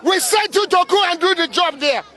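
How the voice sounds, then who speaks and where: A man speaks out in a street, emphatic and angry, his voice very high and bright. A faint crowd murmurs around him outdoors. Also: lively intonation, normal speed. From Nigeria. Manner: emphatic, angry, shouting at times. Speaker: stranded migrant speaking out. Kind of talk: impassioned street address.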